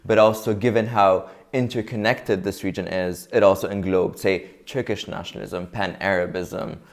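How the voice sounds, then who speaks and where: A young man from Lebanon, a guest answering interview questions in a thoughtful, measured way, often restarting his sentences. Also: deep voice, fairly even intonation, gravelly.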